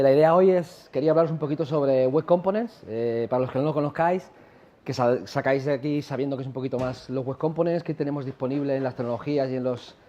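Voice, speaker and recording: In a muffled recording, a man with a medium-pitched voice and a Castilian Spanish accent gives a live tech conference talk. He's from La Mancha, keeps things chatty, and frequently asks the audience questions, including many tag questions.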